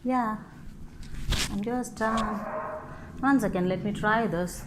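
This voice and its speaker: Woman, casual tutorial host, slow step-by-step talk, "no?" tag questions, noisy background, dog. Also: mid-range voice. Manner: unhurried step-by-step instructions with frequent "no?" tags. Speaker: scarf styling tutorial host. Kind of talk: casual how-to demonstration.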